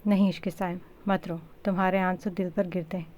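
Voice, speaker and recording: A commanding young husband from a storybook reading, delivered firm and clipped, as a woman narrator reads him. The voice is low-set and barely changed from the narrator's own. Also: level tone, brisk, darkish tone, lightly acted. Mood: tender. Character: protective stern young husband, cold and commanding.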